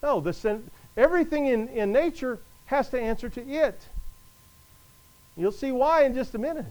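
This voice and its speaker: A man preaching a sermon to his congregation, emphatic, with conversational asides, slowing down to stress the verses he quotes. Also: very high-pitched, lively intonation, darkish tone, poor audio. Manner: emphatic, rises and drops in volume, slows to stress scripture.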